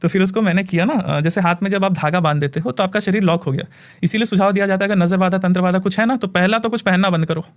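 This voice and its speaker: Brief: male spiritual healer, high-pitched, lively storyteller, laughs a lot. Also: fast. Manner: animated storytelling, laughs often. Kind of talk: casual podcast chat.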